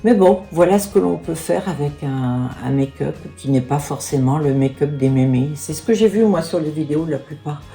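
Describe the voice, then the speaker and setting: This beauty vlogger, a woman in her sixties, has a low, mellow voice and speaks at a normal speed with hardly any pauses over soft background music. She chats casually through a makeup tutorial and product review, full of asides and fillers like "hein" and "voilà".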